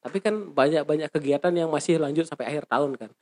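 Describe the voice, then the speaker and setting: A man's voice: a little high, quick pace, darkish tone. A man chatting casually about hotel work, joking and breaking into laughter often. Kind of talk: casual podcast chat.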